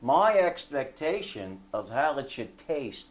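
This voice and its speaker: Leading a fellowship group, a man with a mid-range voice tells a story slowly in a casual, animated style, asking his listeners to agree with him.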